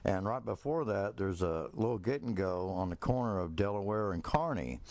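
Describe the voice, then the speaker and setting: A middle-aged man with an extremely deep, gravelly voice tells loose, rambling stories of his past. He wanders through fillers and restarts in a relaxed, conversational way. The sound is dry and close, with no room around it. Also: normal speed, dry recording. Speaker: storyteller. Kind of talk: casual spoken reminiscence.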